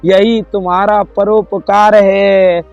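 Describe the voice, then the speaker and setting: A man voicing a calm, wise male spiritual teacher who speaks gently and instructively. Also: sits high, takes it slowly, clean tone. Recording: dull lo-fi with soft music.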